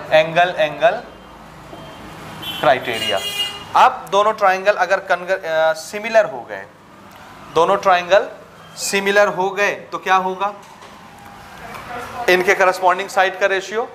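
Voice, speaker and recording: High-voiced man teaching maths. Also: a bit bright, slight background noise. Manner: keeps checking if students follow, switches into English for terms. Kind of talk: blackboard-style maths lesson.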